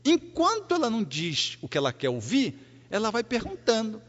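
A man's voice: high-pitched, wildly swooping pitch, moderate pace, fairly bright tone. A man giving a Spiritist lecture, emphatic and repetitive, often acting out quoted voices. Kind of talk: public lecture. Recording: reverberant hall, dull lo-fi sound.

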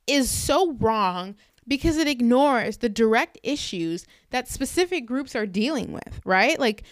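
A woman's voice: on the high side, fairly bright tone, clear, resonant tone, no echo. A young woman from Canada hosting a podcast, talking through her views in an emphatic, conversational monologue with rhetorical questions. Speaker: podcast host. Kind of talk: casual commentary monologue.

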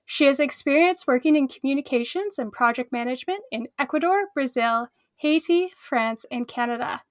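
Woman host, high pitch, measured scripted delivery, dry sound. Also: animated, dry recording. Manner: clear, measured reading. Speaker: podcast host. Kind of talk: scripted introduction and interview.

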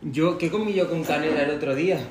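A man's voice: on the high side, fast, a loud crowd. A young man chatting enthusiastically in casual conversation. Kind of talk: casual chat. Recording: echoey room with faint noise and dishes.

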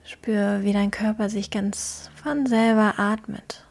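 A woman guiding a meditation in a soft, breathy near-whisper, gentle and hushed, leaving slow pauses between phrases. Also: mid-range voice, fairly even intonation. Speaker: podcast host guiding a meditation.

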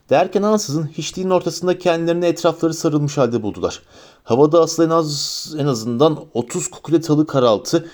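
A man reading a fantasy audiobook aloud with expressive storytelling. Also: on the high side. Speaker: narrator.

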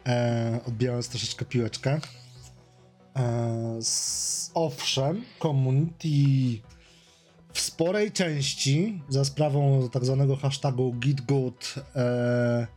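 A man on a casual podcast panel, explaining his view in a halting, deliberate way. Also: medium pitch, steady tone, a little mellow, soft background music.

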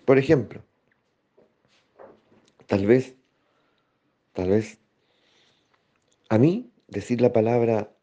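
A man giving a slow, reflective spiritual talk, pausing often and checking in with his listeners. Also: on the low side, mellow, slightly rough. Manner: slow, thoughtful, with pauses and rhetorical checks. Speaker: spiritual teacher. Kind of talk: reflective spoken teaching. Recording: dull lo-fi recording.

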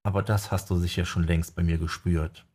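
A man voicing a weary, guarded male magician in an audiobook, subdued and low-key. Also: level tone, a little fast, a little mellow, husky.

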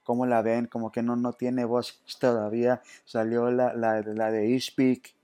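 A man's voice: mid-range voice, flat delivery, measured pace, dark tone, clear, resonant tone, no echo. A man presenting a tech tutorial, patiently walking through each step with hesitant restarts. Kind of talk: screen-reader app walkthrough.

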